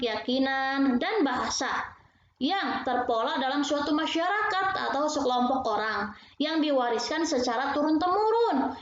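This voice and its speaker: High-voiced woman lecturing in an echoey room. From Indonesia. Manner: chatty, frequent tag "ya", mimics regional ways of speaking. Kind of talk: recorded university lecture. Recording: very echoey dull room with faint hiss.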